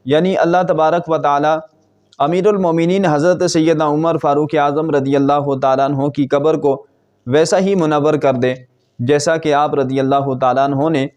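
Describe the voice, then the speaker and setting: A man preaching a religious sermon in an earnest, measured way, chanting verses slowly and melodiously at times. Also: a little high, fairly even intonation, a little mellow. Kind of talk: Islamic sermon with recited verses.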